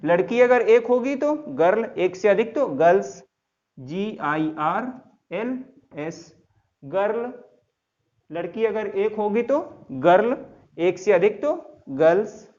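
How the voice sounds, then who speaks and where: A man teaches a grammar lesson at an unhurried, deliberate pace. He spells out each word letter by letter and keeps quizzing the class. The recording is dull and lo-fi. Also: high-pitched, animated, darkish tone. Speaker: English teacher. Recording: dull lo-fi sound.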